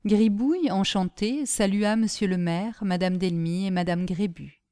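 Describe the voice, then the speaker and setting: A woman narrating a classic story aloud in an expressive, dramatic manner. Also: medium pitch, unhurried, dry recording, clean studio sound. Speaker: reader.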